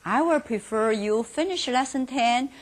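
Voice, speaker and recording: Speaking at a fairly high pitch, a middle-aged teacher with a Mandarin Chinese accent runs a slow beginners' lesson in English. Her drills involve repeating words carefully and asking questions before supplying the answers herself.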